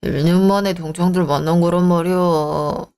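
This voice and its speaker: A woman's voice: fairly low pitch, steady tone, normal speed, a little mellow, smooth, pitched below the performer's own voice, close to an everyday voice. A woman voicing a selfish young married man who talks in a dismissive, irritated way, in a dramatized story. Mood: scornful.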